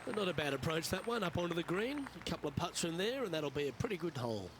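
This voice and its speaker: A man giving golf commentary as lead announcer, in understated, measured remarks on play. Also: on the high side, sing-song, background noise.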